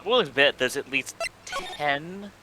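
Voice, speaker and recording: A man's voice: on the high side, lively intonation, slow pace. A man chatting casually as a co-streamer on a game livestream. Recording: clear background noise and clicks.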